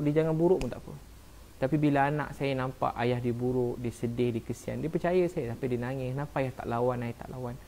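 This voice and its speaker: A man with a Malaysian Malay accent, a preacher talking casually on a live stream, soft-spoken and earnest, often saying "ha" and "Masya Allah". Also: medium pitch, a little hiss or hum. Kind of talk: casual live-stream talk answering viewers.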